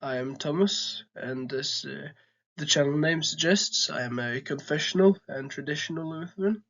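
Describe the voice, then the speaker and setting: Speaking at a normal pace, the young Norwegian-accented host of this casual to-camera vlog has a fairly high, somewhat bright voice muffled by the recording. He comes across as earnest, though he hesitates often and fills gaps with "uh."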